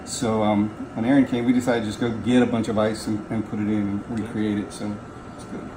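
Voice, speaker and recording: A man's voice: fairly low pitch, little pitch movement, fairly quick. Man chatting in an echoey, noisy garage. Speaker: ice bath practitioner. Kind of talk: casual conversational testimony. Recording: echoey garage, clear background noise.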